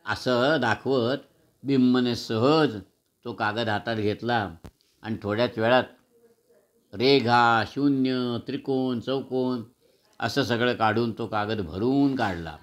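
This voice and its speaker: A man reading a children's story aloud in a measured, expressive way, sometimes clearing his throat. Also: mid-range voice.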